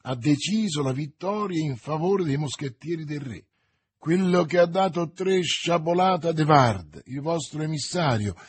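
A man's voice: on the high side, slightly rough, no room sound, voice pushed up. A man voicing a cunning, vengeful noblewoman in an audiobook, speaking insistently and vehemently. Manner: insistent, vehement, raised intense delivery. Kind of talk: audiobook character reading.

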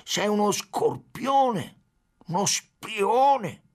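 A man's voice: fairly high pitch, moderate pace, fairly bright tone, voice pushed up, lightly acted. A man voicing a furious brutish police chief, snarling in broken speech peppered with Spanish words. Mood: raging. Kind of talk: audiobook character voice.

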